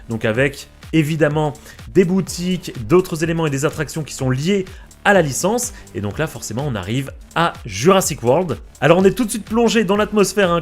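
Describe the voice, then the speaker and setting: A young man talks over his theme park footage in a loose, chatty voice-over full of fillers and little asides. His voice sits a bit on the high side for a man. Faint music plays beneath his talk. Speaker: vlogger touring a theme park. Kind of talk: casual vlog voice-over.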